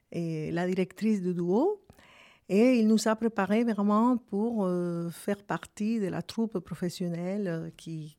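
A woman from Cuba, a singer and actress giving a radio interview and speaking hesitantly with many filler pauses. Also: mid-range voice, warm tone.

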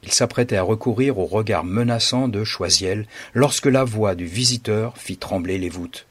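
Husky low-voiced male storyteller. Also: no echo. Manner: dramatic, measured reading. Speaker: narrator. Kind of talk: scripted story narration.

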